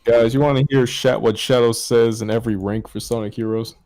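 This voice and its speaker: A man's voice: mid-range voice, fairly even intonation, brisk, darkish tone, no echo. A man chatting casually as a guest on a stream. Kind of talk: casual chat.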